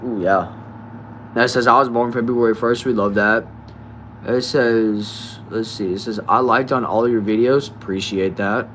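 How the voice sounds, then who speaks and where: A nineteen-year-old man reading viewer comments aloud in a relaxed, chatty live stream, often trailing off quietly. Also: medium pitch, measured pace, slight background noise. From United States. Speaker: livestreamer.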